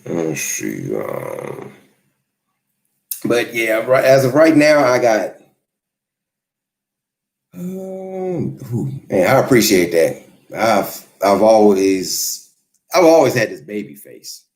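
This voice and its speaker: A man's voice: on the low side, sing-song, slow pace, creaky, pauses often, darkish tone. A man in his forties casually chatting with viewers on a livestream, easygoing and rambling, answering comments as they come in. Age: 40s. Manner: easygoing, rambling, laid-back. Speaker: YouTube creator hosting a livestream. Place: home, Los Angeles.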